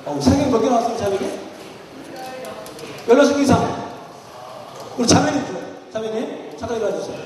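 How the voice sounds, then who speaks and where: High-voiced guy lecturing a church crowd, keeps calling on people, echoey hall from far away. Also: fairly quick, pauses often, a little mellow. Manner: questions the audience and calls on people by title; tells anecdotes, acting out quoted lines. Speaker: family seminar lecturer. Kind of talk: interactive church seminar lecture. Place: large echoing hall with an audience.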